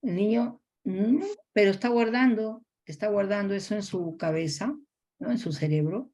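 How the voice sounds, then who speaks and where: A woman lecturer with a Peruvian Spanish accent, explaining child language development in a class, often ending phrases with a questioning "no?" and pausing on fillers. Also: mid-range voice, darkish tone. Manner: explanatory, tags sentences with a questioning "no?"; frequent hesitation fillers. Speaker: college lecturer.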